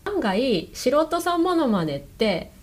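Woman host, casual chat, lively backchannels, higher register. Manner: chatty, laughs often, quick agreeing backchannels.

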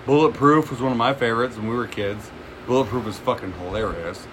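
A man's voice: medium pitch, a little fast, noisy background. Laughing, foul-mouthed male podcast host. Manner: profane, laughs often, retells comedy bits. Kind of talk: casual chat.

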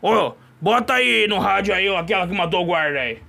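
A man voicing a loud, bossy older male ranch owner in a comedy sketch, shouting orders. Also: high voice, expressive, brisk, gravelly, slight background noise, heavily acted. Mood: proclaiming.

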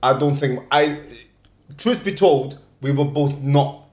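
A man's voice: medium pitch, takes it slowly, darkish tone. A man in a casual podcast discussion, blunt and sweary, pressing his points with rhetorical questions. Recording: echoey room.

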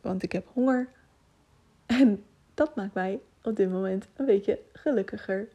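A woman's voice: mid-range voice, a little slow, mellow. Woman, solo podcast host; candid, emotional, rambling delivery with fillers. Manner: rambling, jumps from topic to topic. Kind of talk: personal solo podcast monologue.

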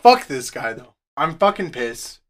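A man's voice: on the high side, a little slow. A man co-hosting a casual podcast, ranting with heavy swearing. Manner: profane, ranting, animated. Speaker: podcast co-host.

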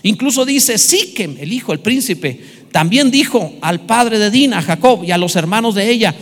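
Lively high-voiced pastor preaching in a hall. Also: male voice, normal speed. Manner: lively, humorous preaching with asides to the congregation. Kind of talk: sermon.

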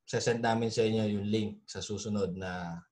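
A man's voice: lowish voice, steady tone, normal speed, a little mellow. Easygoing male podcast host. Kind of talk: casual drinking-session chat.

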